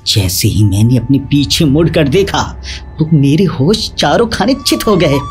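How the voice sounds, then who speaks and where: Male horror narrator, expressive lively pitch, dramatic telling, faint music bed. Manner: animated, dramatic storytelling. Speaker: storyteller.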